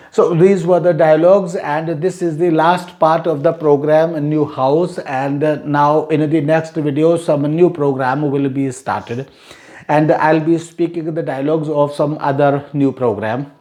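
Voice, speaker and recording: A man's voice: fairly high pitch, darkish tone. Man drilling English sounds, repeating lines. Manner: slow, repetitive drilling with frequent restarts; explains sound rules plainly, with fillers. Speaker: English pronunciation teacher.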